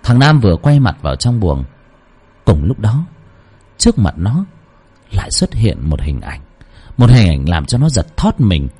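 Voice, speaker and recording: A man narrating a horror story dramatically, with sweeping swings in pitch. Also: big pitch swings, unhurried, pauses often, mellow, slightly rough.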